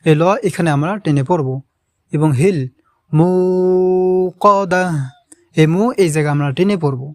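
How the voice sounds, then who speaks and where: A man's voice: fairly high pitch, quick pace, warm tone, no echo, studio quality. A man who teaches Quran recitation step by step, patiently repeating and drawing out each word. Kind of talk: step-by-step pronunciation lesson.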